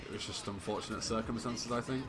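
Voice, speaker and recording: A man casually commenting on his own live speedrun, low-key and swearing freely. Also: quick pace, background noise. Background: game music and sirens.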